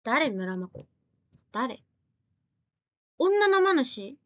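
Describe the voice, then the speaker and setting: A woman with a high, bouncy voice that swings widely in pitch, chatting on a live stream. She reads viewer comments and answers them with blunt, teasing comebacks. The sound is dry and a little dull, like a small home mic. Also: very animated, no echo. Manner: blunt, teasing retorts mixed with quick questions.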